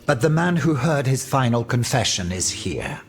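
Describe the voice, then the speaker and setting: Playing an outraged French aristocrat for a video game cutscene, an actor goes florid and declamatory, steeped in bitter indignation. His medium-pitched voice has big pitch swings and a moderate pace, sounds natural, and carries slight background noise.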